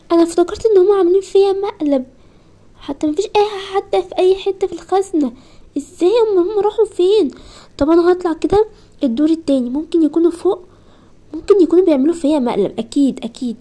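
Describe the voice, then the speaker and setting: A young schoolgirl, as a woman tells her story with an Egyptian Arabic accent, talking in fast, breathless bursts full of exclamations. Her voice sits high, with a mellow, dark tone. This is a first-person storybook role-play. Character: young schoolgirl left alone, fearful.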